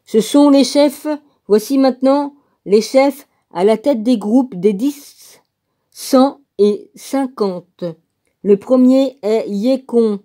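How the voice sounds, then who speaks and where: A woman reads a religious text aloud at a slow, casual pace, spelling out names letter by letter and adding her own comments. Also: fairly high pitch, dark tone. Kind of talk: casual reading aloud with asides.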